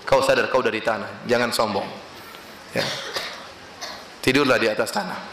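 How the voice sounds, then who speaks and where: A male Islamic preacher giving an emphatic sermon, swinging widely in pitch and quoting Arabic phrases. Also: steady tone, moderate pace, a bit bright, roomy sound, a little hiss or hum, rough recording.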